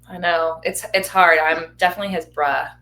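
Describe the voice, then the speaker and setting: A woman's voice: lowish voice, steady tone, normal speed, bright, forceful tone. A woman guest chatting casually and bluntly, swearing freely as she talks. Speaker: podcast guest. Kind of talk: casual chat.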